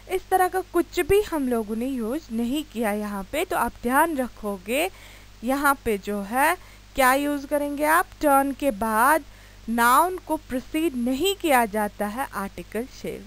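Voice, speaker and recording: A woman with an Indian accent teaching English grammar in a video lecture. She explains each rule slowly and spells words out letter by letter. She stops often to ask her students quick checking questions. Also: high-pitched, a bit bright, rough recording.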